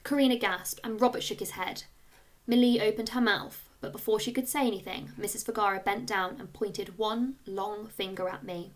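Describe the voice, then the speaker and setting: Reading aloud at a moderate pace, a woman delivers a children's story the way a schoolteacher might. Her mid-range voice carries expressive narration with clear storytelling emphasis.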